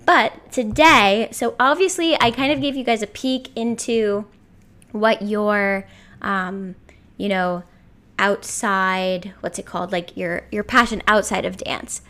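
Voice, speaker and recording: A woman hosting a casual chat over a video call, bubbly and quick to giggle. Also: medium pitch, bright, forceful tone. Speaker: podcast host.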